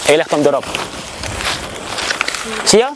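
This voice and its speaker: A man's voice: on the high side, animated, a little slow, noisy background. A forest guide explaining step by step outdoors, checking in with his listeners. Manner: plain, instructive, checking in with "ja?". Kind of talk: outdoor demonstration.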